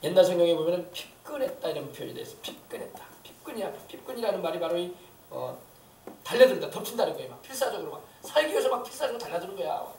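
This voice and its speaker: High-pitched guy preaching fast and fired up, echoey church, mic kinda far off, faint room hum. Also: sing-song, darkish tone. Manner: fervent, emphatic preaching with rhetorical questions. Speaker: pastor. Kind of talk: sermon. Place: church sanctuary.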